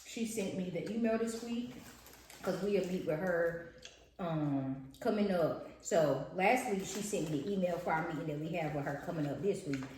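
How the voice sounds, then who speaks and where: A woman's voice: fairly low pitch, moderate pace, a little mellow. Chatty young pregnant woman, echoey room. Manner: chatty, addresses viewers as y'all. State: pregnant, eating while talking. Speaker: vlog co-host. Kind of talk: casual chat over a meal. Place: restaurant table, indoors. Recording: very echoey room, faint noise.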